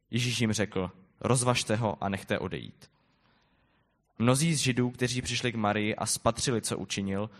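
A man reads scripture aloud in a steady, measured delivery. His voice sits on the low side. The sound trails off in a long reverb from a large church hall. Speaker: scripture reader.

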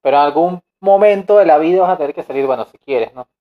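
Rapid-fire co-host, teasing banter, muffled lo-fi audio. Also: male voice, fairly high pitch. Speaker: podcast co-host. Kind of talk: casual chat. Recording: dull lo-fi sound.

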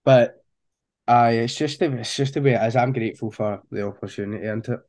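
A man's voice: medium pitch, a little fast, a little mellow. A man with a broad Scottish accent, talking informally and slangily as a music artist being interviewed. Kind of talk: casual interview chat.

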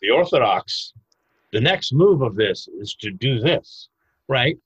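Husky, emphatic man explaining techniques. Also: medium pitch, a little slow, no echo, rough recording. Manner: emphatic, animated explaining with bursts of mock shouting. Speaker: self-defense instructor. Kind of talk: conversational podcast interview.

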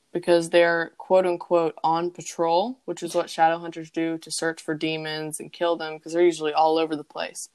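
A young woman co-hosting a casual book podcast, her voice smooth and clear and set a little low. She rambles along with plenty of fillers. The sound is dry and close. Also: no echo. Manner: chatty, rambling, with frequent fillers. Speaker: podcast co-host.

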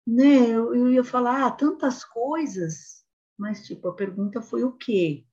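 A woman's voice: a little high, measured pace, mellow, muffled recording. A woman co-host musing aloud in casual chat.

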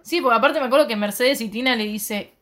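A young woman with an Argentine accent, co-hosting a casual chat, reacting quickly and chiming in. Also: a little high, a bit bright. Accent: Argentine Spanish. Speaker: podcast co-host.

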